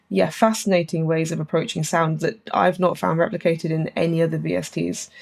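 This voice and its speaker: A woman's voice: low-pitched, creaky, darkish tone. A woman composer, a podcast guest, explaining her ideas in casual chat, thoughtful and enthusiastic with filler words.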